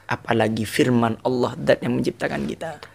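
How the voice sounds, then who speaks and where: A man preaching in casual with a tinge, chanting verses slowly between animated explanations. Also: mid-range voice, vocal fry, husky. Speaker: Islamic preacher. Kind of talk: casual religious talk.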